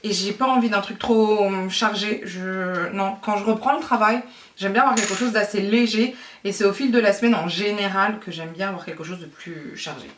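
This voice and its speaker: A woman from France giving a casual makeup tutorial, talking chattily with many fillers and pauses. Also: mid-range voice, fairly bright tone, slight background noise. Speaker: beauty vlogger. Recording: roomy echo, distant mic.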